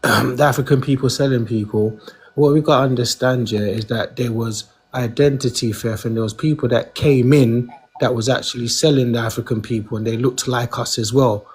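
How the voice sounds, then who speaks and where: A man speaking earnestly in a live online debate, often halting and repeating himself. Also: medium pitch, steady tone, breathy edge. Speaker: caller.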